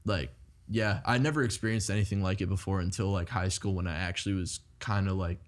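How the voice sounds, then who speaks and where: A man's voice: low-pitched, steady tone, fairly quick. A man in his twenties, a musician guest, talking casually and rambling with lots of fillers. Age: 20s. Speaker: band member guest. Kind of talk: casual interview chat.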